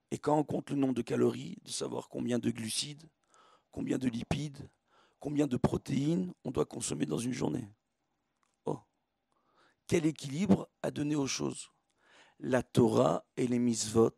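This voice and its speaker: A man's voice: medium pitch, gravelly, warm tone, breathy edge, dry recording, studio quality. A man giving a religious lecture as a rabbi, teaching emphatically with repetition and rhetorical questions. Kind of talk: religious sermon with everyday analogies.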